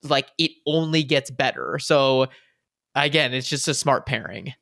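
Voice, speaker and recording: A man co-hosting a gaming podcast, relaxed and filler-heavy, sometimes reading a news piece aloud. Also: mid-range voice, unhurried, gravelly, no room sound, studio quality. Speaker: podcast co-host. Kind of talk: casual chat.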